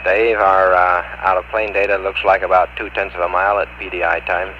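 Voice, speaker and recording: Low-voiced man on a muffled radio link. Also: flat delivery, a little fast. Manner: clipped, procedural radio talk. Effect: muffled radio transmission. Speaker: mission control radio operator. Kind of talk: radio communications with spacecraft. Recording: dull lo-fi radio link with faint hiss.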